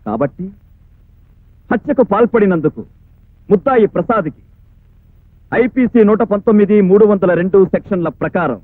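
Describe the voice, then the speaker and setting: An actor playing a formal, probing prosecutor in a film courtroom scene. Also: male voice, high voice, expressive, moderate pace, long pauses, no echo. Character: stern adult male prosecutor questioning a witness. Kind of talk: 1980s film courtroom drama. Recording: dry tinny lo-fi film soundtrack.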